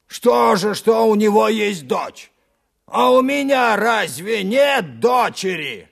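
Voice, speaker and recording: A man voicing a sly, self-pitying working-class informer in an audiobook, pleading and sanctimonious, with a gravelly voice. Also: high voice, very animated, a bit bright, heavily acted. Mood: aggrieved. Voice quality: gravelly, creaky. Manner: wheedling, sanctimonious, drawn-out pleading. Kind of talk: dramatized audiobook reading.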